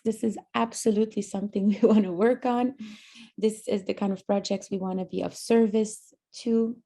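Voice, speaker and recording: A woman hosts an online class in a casual manner over a video call. Her voice is mellow and warm. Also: medium pitch. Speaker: class host.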